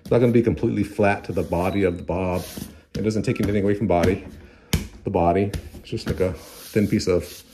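Against a noisy background, a middle-aged man talks briskly in a low voice with fairly even intonation, rambling through a casual product review with lots of restarts and repetition. He records in a home practice room on a handheld phone camera.

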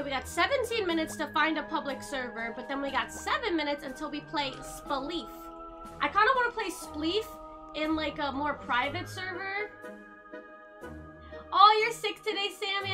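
A young woman streams a game live and chats to her viewers. Her voice sits very high and bright, and she gets excitable and loud as each round plays out. Faint game music plays behind her.

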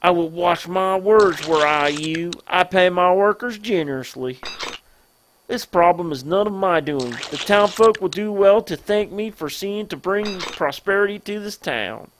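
A let's-play narrator voicing a smug, gluttonous male merchant villain in a put-on Southern accent, slow and oily. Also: medium pitch, a little hiss or hum, close to an everyday voice.

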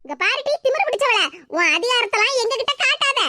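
A woman's voice: very high voice, lively intonation, fast talker. Domineering old cartoon aunt, scolding, tirunelveli tamil accent, woman voicing her, noisy background. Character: bossy older aunt and mother-in-law.

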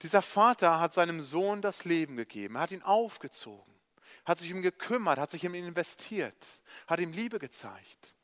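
A man preaching in a church, telling a parable with animated storytelling and speaking straight to his listeners. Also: a little high, normal speed. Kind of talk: evangelistic sermon storytelling.

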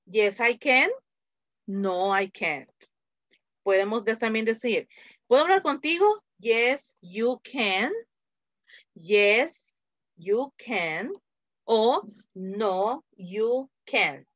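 A woman with a Latin American Spanish accent teaching an English grammar class online, slowly and patiently repeating example answers. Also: fairly high pitch, expressive, a bit bright, no room sound, lo-fi sound.

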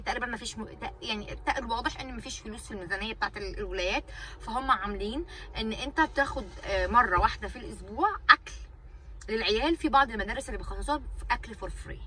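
An Egyptian woman rants to her viewers at a rapid clip, exasperated and repeating her points for weight. Her voice sits a little high and bright, with an edge. She is a bit distant from the mic, with a faint noise behind her. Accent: Egyptian Arabic. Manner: exasperated, ranting, repeats herself for emphasis. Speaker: vlogger and mother. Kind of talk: casual venting to camera.

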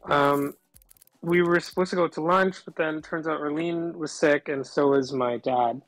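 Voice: mid-range voice, fairly even intonation, measured pace, a bit bright, no echo, rough recording. A caller talking through a voice changer that disguises the voice, chatting casually on a call and rambling with lots of fillers. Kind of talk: casual phone chat.

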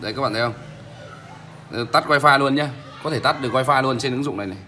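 A man casually demonstrating a phone app as a vlog host, speaking haltingly with many pauses. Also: medium pitch, pushed and bright, slight background noise. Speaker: tech vlogger, host.

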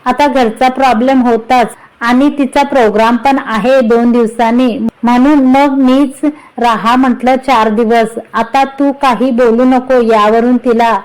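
A woman's voice: a little high, fairly even intonation, unhurried, darkish tone, lightly acted, low-quality recording. A woman reading the part of an older mother figure who coaxes and teases her son affectionately, storybook-style. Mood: coaxing. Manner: coaxing, affectionate.

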